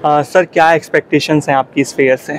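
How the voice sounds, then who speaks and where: A man's voice: fairly high pitch, steady tone, a little fast, a little hiss or hum. A male news reporter politely asking exhibitors questions at a trade fair. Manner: polite, addresses guests as sir and ma'am. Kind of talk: field interview questions. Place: busy trade fair hall.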